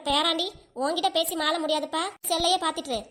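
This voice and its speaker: A woman's voice: very high voice, steady tone, fast, heavy background noise. A woman with a southern Tamil Kanyakumari accent voicing a fussy, scolding grandmother and mother-in-law in a cartoon, nagging and complaining. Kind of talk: cartoon voice acting.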